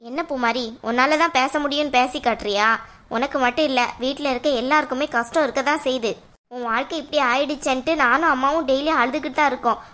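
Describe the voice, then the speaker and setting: A woman's voice: high voice, steady tone, quick pace, sharp tone. Woman voicing an insistent caring cartoon sister. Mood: scolding. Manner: coaxing, insistent. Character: caring young woman Malar, the pleading sister. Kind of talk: cartoon voice acting.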